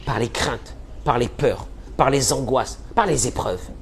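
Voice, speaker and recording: A man delivering a fervent sermon as a rabbi, his voice at an ordinary male pitch. He pleads and repeats key phrases, swinging from hushed to loud. A faint hiss sits under the recording. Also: measured pace. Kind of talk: impassioned religious lecture.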